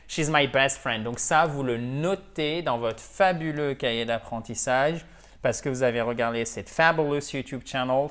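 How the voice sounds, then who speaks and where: In a mid-range, somewhat bright voice, a man leads a video English lesson, moving between French and English as he repeats words for pronunciation practice and asks "ok?" to check in.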